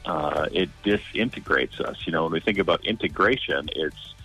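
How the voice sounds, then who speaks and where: Deep bright-toned man in his forties. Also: slightly rough, faint music behind, poor audio. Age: 40s. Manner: thoughtful, halting with restarts. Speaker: pastoral commentary writer and co-host. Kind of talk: casual radio chat and scripture reading.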